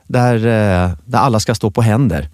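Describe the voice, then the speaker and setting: A man's voice: on the low side, a little mellow, dry recording, clean studio sound. A man co-hosting a podcast, playful and teasing in casual chat. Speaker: podcast co-host.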